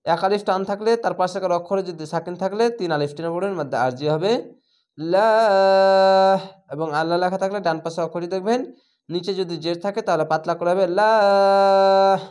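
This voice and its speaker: In a Quran recitation lesson, a man with a Bangladeshi Bengali accent spells out each letter and vowel mark, then blends the syllables into a drawn-out, chanted word. His voice is high, a little mellow, and clean in tone.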